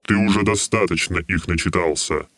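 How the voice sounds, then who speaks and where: A stern, brooding shadow king homunculus for an audiobook, low and grave. He speaks slowly and heavily. The sound is dry and close to the mic. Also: a bit bright, dry recording. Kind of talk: audiobook role.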